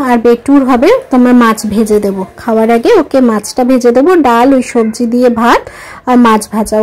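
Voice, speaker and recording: A woman's voice: fairly high pitch, darkish tone, low-quality recording. A woman, a mother chatting casually to her viewers in a home vlog. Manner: chatty, addresses viewers directly. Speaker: vlogger, mother.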